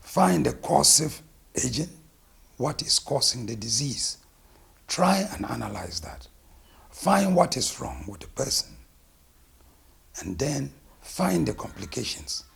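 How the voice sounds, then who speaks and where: A middle-aged man from Ghana with a Ghanaian accent, a naturopathic physician introducing himself and his work in a deliberate, emphatic way. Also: medium pitch, very animated, vocal fry, a bit bright, slightly rough. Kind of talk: self-introduction interview.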